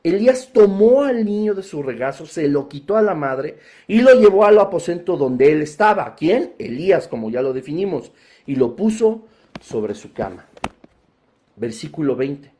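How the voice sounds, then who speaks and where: A man preaching a Bible teaching sermon, emphatic, inviting listeners to picture each scene and swelling into loud, forceful passages. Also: on the high side, very animated, normal speed.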